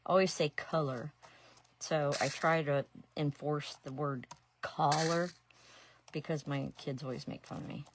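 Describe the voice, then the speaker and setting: During a live stream, a middle-aged woman from Ohio works on a craft and rambles on in a chatty way, poking fun at herself now and then. She teaches painting and makes resin art, and her Ohio accent comes through. Her low voice has fairly even intonation and a slightly slow pace, with a noisy background.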